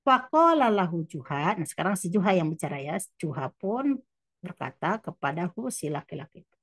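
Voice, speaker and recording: A woman teaching Arabic who reads each phrase slowly, then translates it and explains it again. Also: on the low side, very animated, no echo.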